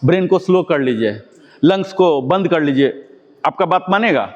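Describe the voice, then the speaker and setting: A man's voice: on the high side, animated, normal speed, darkish tone, lo-fi sound. A man leading a yoga class. He gives step-by-step commands to the group and puts rhetorical questions to his students. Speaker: yoga instructor. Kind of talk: guided exercise class. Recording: long reverb.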